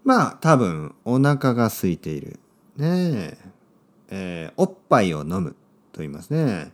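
A man hosting a podcast for Japanese learners, speaking simply with lots of repetition and a playful, expressive delivery. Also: unhurried. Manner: clear, simple phrasing for learners with repeated words; expressive and playful, with sudden pitch jumps. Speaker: podcast host and Japanese teacher.

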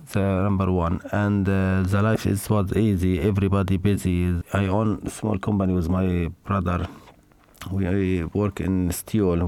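Halting Syrian man, lowish voice. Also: warm tone, no echo. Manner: halting non-native English with frequent fillers and restarts. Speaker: interviewee, father. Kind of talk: personal testimony.

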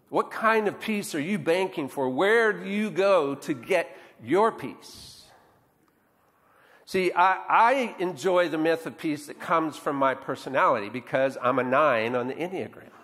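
Man, pastor, conversational sermon, high voice, long church-hall reverb. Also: fairly bright tone. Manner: conversational, often adds "right?" to draw in the congregation.

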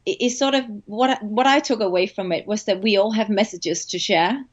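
A woman with a slight Danish accent talks reflectively as an interview guest, with fillers along the way. Her voice sits at an ordinary pitch and comes through dull, lo-fi audio. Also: moderate pace. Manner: warm, reflective, with light laughs and fillers. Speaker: guest, hypnotherapist and meditation teacher. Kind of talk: casual interview conversation.

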